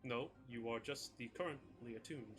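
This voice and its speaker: A man's voice: medium pitch, normal speed, a bit bright, soft background music, close to an everyday voice. A man voicing a sentient male sword that speaks in a stiff, formal, literal-minded way, over a video call. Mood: stiff, solemn.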